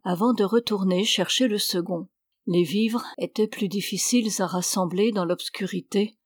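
A woman reads a novel aloud for an audiobook in a mid-range voice, telling the story in a measured, even way. The studio recording is clean, with no room sound.

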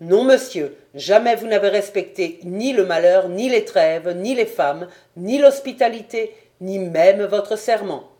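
A woman voicing a weary, stern nobleman commander in a storybook reading, speaking gravely and with reproach. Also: medium pitch, a little slow, hardly any pauses, mellow, natural voice. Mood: reproachful.

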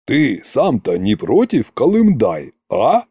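A man's voice: mid-range voice, wildly swooping pitch, slow, dark tone, breathy edge, no echo, clean studio sound, exaggerated voice. A man voicing a boastful, pompous immortal sorcerer king in an audiobook, grand and mocking. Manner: grand, self-satisfied, mocking. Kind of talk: audiobook character reading.

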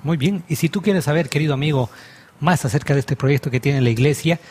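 A man's voice: on the high side, a little fast, a little mellow, slightly rough. A man who is a pastor hosts a religious TV talk show, welcoming his guests in the manner of a presenter. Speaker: host, pastor.

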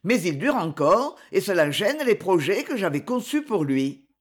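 A woman reads the lines of a cold, proud nobleman in a novel audiobook. The delivery is clipped and icy, full of contempt, with a voice that still moves a lot in pitch. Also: sing-song, moderate pace, breathy edge. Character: cold, haughty older aristocratic father.

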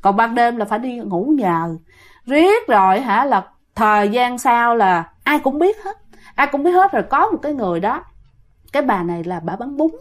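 A woman storyteller narrates a ghost story in a loose, conversational way. Her voice sits fairly high, and she speaks straight to her listeners as if chatting. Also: sing-song, normal speed. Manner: chatty, addresses listeners directly.

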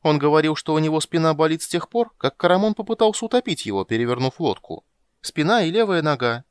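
A man's voice: fairly high pitch, expressive, fast talker, clear, resonant tone, dry recording, studio quality, voice pushed up, lightly acted. A man voicing a cheerful, curious young male kender who rambles eagerly in an audiobook. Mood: delighted.

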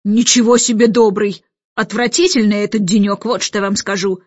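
A woman's voice: steady tone, normal speed, darkish tone, dry recording, muffled recording, natural voice. A woman voicing a blustering old admiral who roars his complaints, in an audiobook. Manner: booming, roaring.

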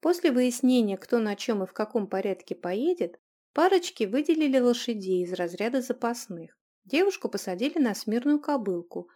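A woman reads an audiobook aloud as narrator. Her telling is even and steady. Scripted narration between the characters' lines. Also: a little high. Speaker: audiobook reader.

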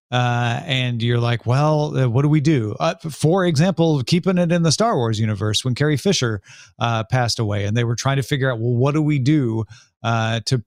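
A man's voice: mid-range voice, dry recording, clean studio sound. A man hosting a podcast, reading out news items with wry casual comments. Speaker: podcast host. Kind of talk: casual chat.

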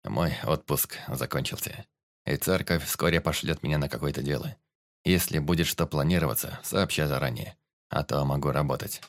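A man's voice: a bass voice, normal speed, no room sound, voice pushed down. A man voicing a gloomy, sour male priest in an audiobook, grumbling wearily about his duties. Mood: weary.

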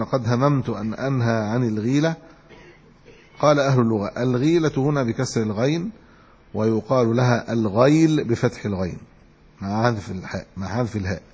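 A sheikh teaches hadith fast in a husky, darkish, mid-range voice. He reads chains of narrators, then explains them plainly, sometimes restarting. The lo-fi recording sounds dull and carries a long hall reverb.

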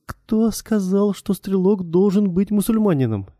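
A male audiobook narrator voicing a desperate, angry woman, in a high, strained falsetto. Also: fairly even intonation, moderate pace, mellow, no echo, clean studio sound, lightly acted. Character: frantic middle-aged woman, desperate and angry. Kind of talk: audiobook character voice.

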